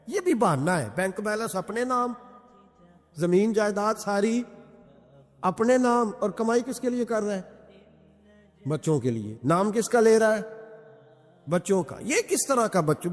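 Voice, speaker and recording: A man preaching a sermon, emphatic, firing rhetorical questions at his listeners. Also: high-pitched. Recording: echoey hall with faint music.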